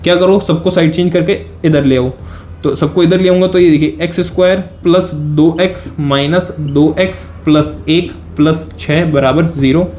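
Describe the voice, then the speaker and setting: A male maths teacher with a somewhat high voice talks his students through a lesson one step at a time, repeating himself and checking in often. He is recorded in an echoey room with a faint hiss behind him. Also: fairly even intonation, moderate pace, darkish tone. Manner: chatty and repetitive, speaks directly to students, checks in often. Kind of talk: classroom lesson explaining step by step.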